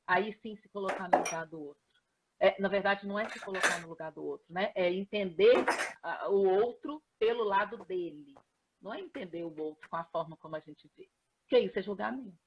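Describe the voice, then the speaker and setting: A woman, a coach explaining ideas in a live online chat, often pausing on filler sounds. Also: medium pitch, dull audio, heavy background noise. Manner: explanatory, with frequent hesitation fillers. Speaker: professional coach, guest. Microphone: video call.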